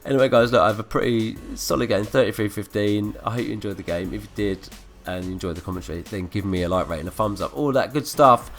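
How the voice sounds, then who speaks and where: A man's voice: lowish voice, fast talker, hardly any pauses. A man with a blocked nose from a cold, ranting and swearing through gameplay commentary. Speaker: gaming commentator. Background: faint background music.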